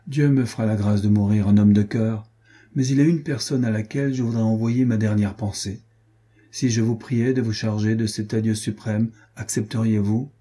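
A man doing a calm condemned soldier. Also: fairly low pitch, moderate pace, husky. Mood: dignified. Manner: dignified and calm. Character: condemned young gentleman soldier, proud and calm.

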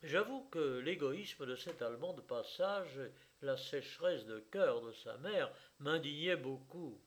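A man narrating an audiobook in a measured, expressive storytelling manner. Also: medium pitch.

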